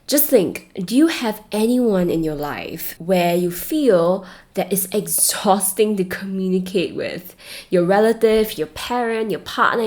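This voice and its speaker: A woman's voice: medium pitch, a little mellow. A woman with a Singaporean accent giving a scripted advice talk, addressing the listener directly and with emphasis. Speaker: relationship advice host.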